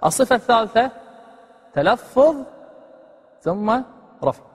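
A man's voice: extremely high pitch, expressive, unhurried, husky, long reverb tail. A man giving a religious lesson on prayer. He poses rhetorical questions and demonstrates the phrases he teaches.

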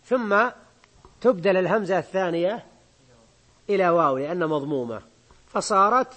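A man teaching a grammar lesson, reading a text slowly and explaining it, often checking that his listeners follow. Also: high-pitched, animated, fairly bright tone.

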